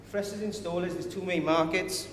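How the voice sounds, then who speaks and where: Brisk and a bit bright, this man's voice sits high while holding a steady tone. He's a company director with a strong Welsh accent giving a conference presentation, slightly nervous and self-deprecating. The conference hall sounds echoey, with faint noise underneath.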